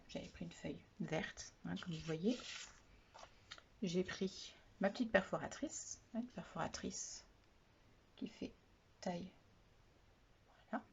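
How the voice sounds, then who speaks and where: A soft-spoken woman demonstrating craft supplies in a chatty product haul vlog, often trailing off quietly, on a dull lo-fi recording with faint noise. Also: lowish voice, gravelly. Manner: chatty, repeats "voilà" often. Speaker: craft vlogger.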